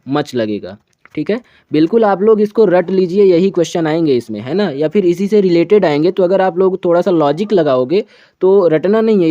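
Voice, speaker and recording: A man teaching a grammar lesson in a mellow, slightly high voice. He keeps posing questions and answering them himself, and reads each example sentence slowly. The recording is dry and a little dull and lo-fi. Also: dry recording.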